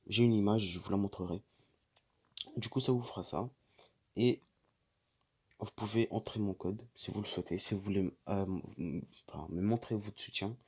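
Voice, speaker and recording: A man's voice: lowish voice, darkish tone, husky. A man giving a casual walkthrough of a phone app, chatty and loose, often backtracking to correct himself. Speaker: YouTuber demonstrating a money app.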